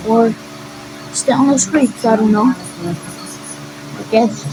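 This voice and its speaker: A woman's voice: a little high, expressive, slow, very noisy. A woman giving casual reaction commentary in an exclaiming, repetitive, slangy way. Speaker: reaction video creator.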